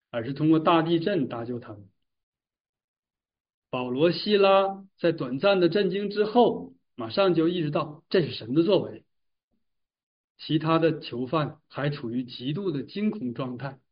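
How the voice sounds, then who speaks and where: A man leads a Bible study, retelling scripture in a measured, explanatory way. His voice sits fairly high for a man. It comes from a distance, through a dull, lo-fi recording. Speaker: Bible teacher. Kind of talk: Bible exposition. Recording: distant mic, dull lo-fi sound.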